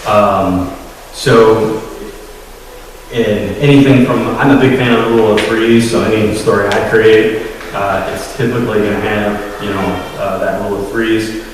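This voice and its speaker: A guest speaker at a secular congregation tells a story in a large, echoey hall, hesitant and full of fillers, openly admitting he's nervous. His lowish voice is unhurried with fairly even intonation, heard from far off amid background noise.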